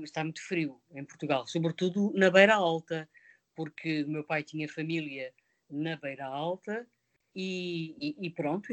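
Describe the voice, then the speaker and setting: A woman in her fifties, from Mozambique, an actress answering interview questions in a reflective way, with many hesitations. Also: low voice. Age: 50s. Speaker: actress guest.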